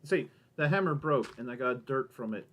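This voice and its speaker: A man's voice: medium pitch, expressive, moderate pace, a bit bright. A man giving casual, rambling gameplay commentary, thinking aloud, with a minor lisp that makes his S sounds whistle and hiss. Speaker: gamer recording a let's play.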